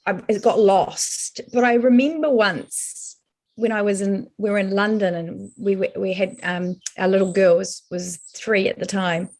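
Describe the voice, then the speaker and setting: A middle-aged woman with a broad New Zealand accent, telling her story conversationally in an earnest, halting, emphatic way. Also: mid-range voice, fairly even intonation, darkish tone. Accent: broad New Zealand (Kiwi). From born in Colombia, raised in New Zealand from age seven. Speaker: podcast guest, advertising professional.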